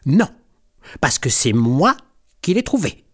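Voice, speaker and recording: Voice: mid-range voice, big pitch swings, slow pace, husky, pitched above the performer's own voice, exaggerated voice. A storyteller voicing a greedy, boastful boy kitten in a storybook. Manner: gleeful, possessive. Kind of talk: storybook reading.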